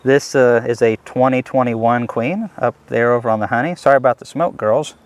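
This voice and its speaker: A man's voice: medium pitch, normal speed, dry recording. A man being interviewed as a beekeeper, chatting easily and enthusiastically while he works a hive outdoors. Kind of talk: casual interview answers while working a hive. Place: outdoors at a beehive.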